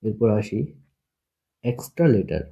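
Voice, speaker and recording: Slow, dark-voiced man teaching a language. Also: on the low side, big pitch swings, vocal fry. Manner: slow, patient, spelling out sounds one by one. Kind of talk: online language lesson.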